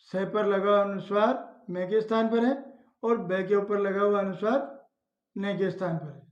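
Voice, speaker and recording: A woman teaching a reading lesson, slowly spelling out and pronouncing words one at a time. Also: medium pitch, darkish tone. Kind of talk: slow Hindi reading lesson. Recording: echoey room, dull lo-fi sound.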